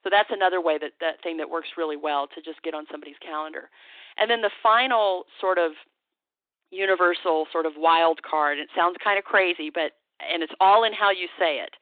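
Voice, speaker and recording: A woman guest coaching on sales calls, talking with confidence and acting out the lines she teaches. Her voice sits a little low and comes over a narrow, tinny phone line with no room sound. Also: a little fast, no echo. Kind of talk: phone interview.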